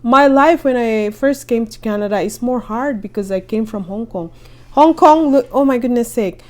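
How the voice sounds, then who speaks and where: Speaking at a moderate pace in a fairly high voice, this Canadian vlogger offers caregiver job tips from home. It's a casual advice vlog aimed at the camera, and she keeps things chatty and encouraging, regularly checking in with whoever's watching.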